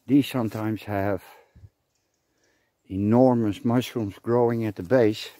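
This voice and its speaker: A man's voice: lowish voice, fairly even intonation, slow pace, warm tone, no echo. A man vlogging outdoors on a forest trail in light rain, chatting to himself and the camera in a rambling way. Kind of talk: casual outdoor vlog narration. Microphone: camera on a tripod.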